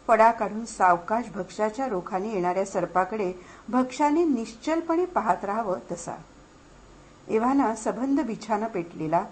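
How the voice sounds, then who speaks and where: A woman narrating an audiobook story dramatically, her delivery expressive and shifting between hushed and urgent. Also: a little high, rough recording.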